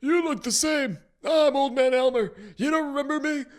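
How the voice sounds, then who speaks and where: A man's voice: very high voice, moderate pace, pitched above the performer's own voice. A man voicing a mad, rambling ancient human wizard who loses his train of thought and takes offense easily. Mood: shrill rambling. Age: older. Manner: scatterbrained, indignant, rambling with trailing restarts.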